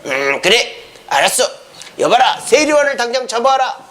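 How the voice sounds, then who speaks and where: A man's voice: extremely high pitch, sing-song, moderate pace, fairly bright tone, heavily acted. A man voicing a doting middle-aged king who fawns over his daughter and barks orders. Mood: commanding. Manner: fawning, then bossy.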